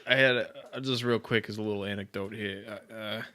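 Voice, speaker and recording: A man co-hosting a casual podcast, rambling through stories in an animated way and laughing often. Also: fairly low pitch, fairly quick. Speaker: podcast co-host.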